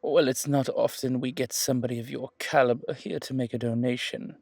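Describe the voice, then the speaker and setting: Here a man plays a gushing, genteel museum curator in a roleplay audio drama, flirting and flattering with hesitant pauses and words said twice. The husky, creaky voice sits mid-range, and the recording is dry and studio quality. His mood comes across as gracious and welcoming.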